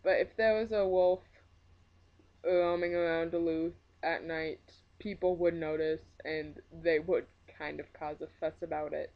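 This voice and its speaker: A woman's voice: deep voice, steady tone, unhurried, lo-fi sound. A woman with a Minnesota accent giving a casual, opinionated book review rant, emphatic, blunt and joking in her exasperation. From Minnesota, USA.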